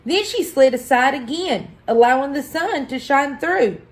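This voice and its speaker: A woman reading a children's picture book aloud as a story-time host, deliberate and expressive, pausing for effect. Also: sits high. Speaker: library story-time reader.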